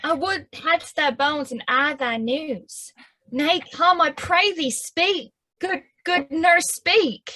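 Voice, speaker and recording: A woman's voice: sits high, slow, bright, forceful tone, exaggerated voice. An actress playing an impatient young girl in love with a Southern US accent, pleading eagerly in verse. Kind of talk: stage acting of verse drama.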